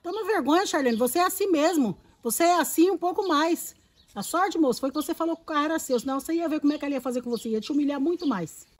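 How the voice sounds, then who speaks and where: A woman's voice: high voice, expressive, quick pace, no room sound. A woman with a Brazilian accent playing a kind mother who scolds her spoiled daughter in an amateur skit. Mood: scolding. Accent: Brazilian Portuguese. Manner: gentle but scolding, teasing. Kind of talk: amateur comedy skit acting.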